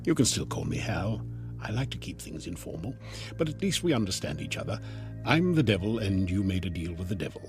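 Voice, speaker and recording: A man's voice: low-pitched, sing-song, fairly quick, soft background music. An actor playing the devil as a glib, taunting salesman in a radio drama, breezy, smug and theatrical.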